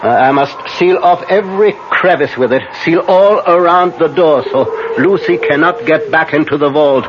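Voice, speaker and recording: An actor playing a grave, commanding vampire-hunting professor in an old radio drama, speaking deliberately and haltingly with solemn weight. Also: male voice, on the high side, close to an everyday voice. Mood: solemn, intent. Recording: muffled, noisy vintage radio recording.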